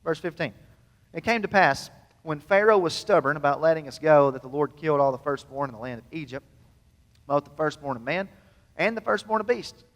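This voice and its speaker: A man's voice: fairly high pitch, animated, fairly quick, a bit bright. A man, preaching a sermon as pastor in a folksy, self-deprecating way and asking the congregation questions. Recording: long hall reverb.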